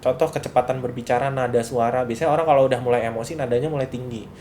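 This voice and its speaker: Male lecturer, relaxed chatty delivery, acts out examples, faint room noise. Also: medium pitch, very fast. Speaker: university lecturer. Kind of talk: casual lecture to students.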